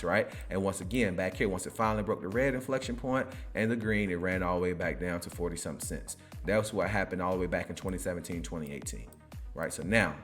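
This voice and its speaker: A man hosting a finance video, walking through price charts in a casual, rambling way and asking "right?" after nearly every phrase. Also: low-pitched. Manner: says "right?" constantly, restarts, excited bursts.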